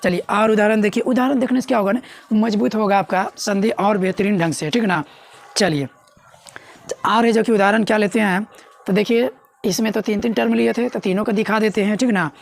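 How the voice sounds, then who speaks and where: Woman teacher, grammar lesson, asks and answers own questions, mid-pitched voice. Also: fairly quick, gravelly. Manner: repeats questions to students, coaxing.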